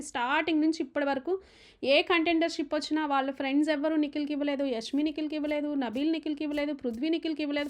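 A woman giving an opinionated, emphatic recap of a reality show argument. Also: sits high. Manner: fast, animated, emphatic, retelling arguments.

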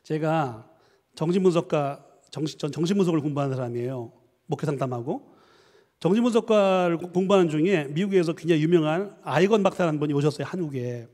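A middle-aged man teaching church leaders, animated, acting out quoted spouses with sudden outbursts. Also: fairly high pitch, fast talker, big-room sound. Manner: animated, acts out quoted spouses with shouts and mock voices. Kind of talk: lecture to a church group.

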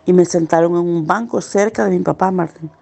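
Creaky-voiced woman giving pained testimony. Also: on the low side, warm tone. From El Salvador. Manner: earnest, pained recounting, slowing at hard moments. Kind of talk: personal testimony.

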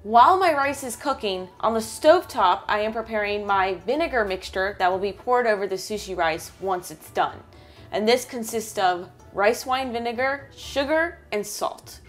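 A woman's voice: medium pitch, lively intonation, moderate pace, faint music behind. A young woman hosting a fishing and cooking vlog, enthusiastically explaining each step as she fillets fish and makes sushi. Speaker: fishing and cooking channel host.

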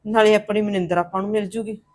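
An actress playing a kindly older aunt who calmly consoles her niece in a Punjabi drama. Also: mid-range voice, fast talker, close to an everyday voice. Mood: consoling. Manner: soothing, consoling.

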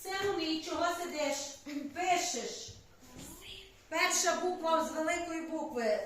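High bright teacher in an echoey classroom. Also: female voice, measured pace, a little hiss or hum. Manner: patient, repeats pupils' answers and asks guiding questions. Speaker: primary school teacher.

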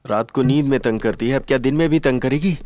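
A man's voice: medium pitch, fast talker, a little mellow, no room sound, natural voice. An actor voicing a nervous, flustered young man in love, stammering through dubbed film dialogue. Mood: troubled. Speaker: film character. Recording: dubbed film audio with music. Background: film music.

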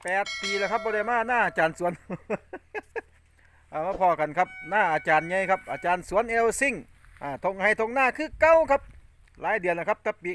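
A man hosting a casual visit, talking with an Isan accent in a lively, laughing way. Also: high-pitched, moderate pace. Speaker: host. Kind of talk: casual chat. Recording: music clearly behind.

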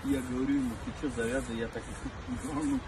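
A man's voice: mid-range voice, wildly swooping pitch, brisk, gravelly, darkish tone. A man playing a boastful, touchy street tough in a comedy sketch, slangy and aggrieved. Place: outdoor street at night. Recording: noisy outdoor phone clip at night.

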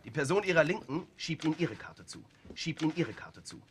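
Playful officer explaining a game. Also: male voice, a little high, sing-song, fairly quick, noisy background. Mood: game-leading. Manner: instructing, playful, laughs often. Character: uniformed officer leading a guessing game. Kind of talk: film dialogue.

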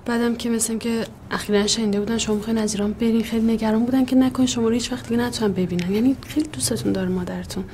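A woman's voice: on the high side, steady tone, few pauses, dark tone, a little hiss or hum, natural voice. An actress playing an earnest woman who urges a man to meet the mother he has never seen, speaking in a reassuring, insistent way in a TV drama scene. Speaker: go-between for a mother and her long-lost son. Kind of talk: TV drama dialogue.

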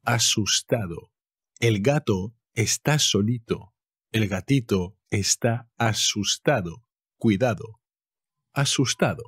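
A man's voice: lowish voice, lively intonation, slow pace, breathy edge, dry recording, studio quality. A man from Spain with a Spanish accent, teaching vocabulary by saying each word and then acting out short, playful example sentences.

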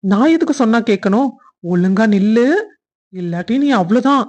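A woman's voice: a little high, lively intonation, normal speed, a little mellow, close to an everyday voice. A woman voicing a playful young husband in a cartoon family story, teasing in a mock-stern way.

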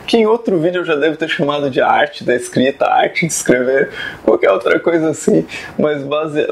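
A man, a writing teacher and video host, talking casually to camera about fiction writing with many digressions and asides. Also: sits high. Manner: chatty and digressive, with many asides and tag questions.

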